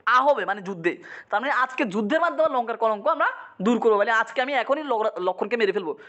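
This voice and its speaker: A man, teaching a poem line by line. He asks quick check-in questions, repeats meanings, and sometimes slips into English. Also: very high-pitched, animated, fairly bright tone, dull audio. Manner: dramatizes quoted lines, mixing in English. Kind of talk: poetry lesson, line-by-line explanation.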